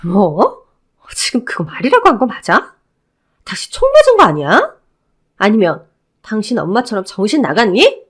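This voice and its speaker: A cold, scornful divorced woman, voiced by a woman in an audio drama. She cuts her ex-husband down in clipped, cutting lines, her pitch swinging widely. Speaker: flight attendant.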